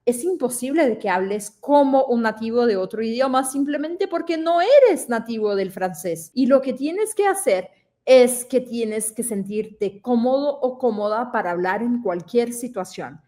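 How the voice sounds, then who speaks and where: A woman's voice: on the high side, lively intonation, measured pace, mellow. A woman teaching an online lesson, explaining conversationally and asking listeners questions, speaking a language she learned as an adult. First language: not Spanish. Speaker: French pronunciation teacher.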